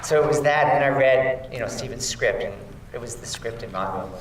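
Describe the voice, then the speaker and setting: Relaxed male director, distant and echoey. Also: mid-range voice, a little fast, a little hiss or hum. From Australia. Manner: relaxed storytelling, restarts. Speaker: film director on panel. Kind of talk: live Q&A panel, casual. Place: large cinema auditorium. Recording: very echoey theater heard from far off.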